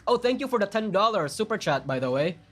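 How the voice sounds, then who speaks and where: A man's voice: high voice, big pitch swings, fast talker, a bit bright, faint music behind. A man with a Filipino accent chatting casually on a live stream, rambling and self-deprecating as he answers his chat. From Philippines.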